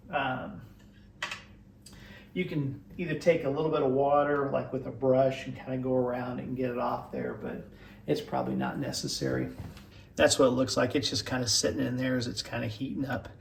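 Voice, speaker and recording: A man's voice: medium pitch, steady tone, normal speed, gravelly, slight background noise. A man in his forties from Western Kansas, with a Western Kansas accent, hosting a casual home cooking demonstration with folksy, rambling explanations. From Western Kansas, USA. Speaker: host of a DIY cooking channel. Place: home kitchen at the stove. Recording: roomy, distant kitchen sound.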